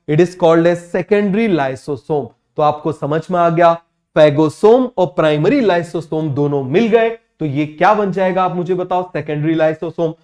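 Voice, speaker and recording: A man teaching biology in a quick call-and-response lecture, firing questions at students and repeating each answer himself. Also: high voice, a little mellow.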